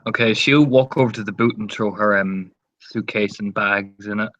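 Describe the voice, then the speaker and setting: Tabletop player, low voice, dry dull recording. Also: male voice, steady tone, moderate pace, fairly bright tone, no room sound. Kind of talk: tabletop role-play, describing his character.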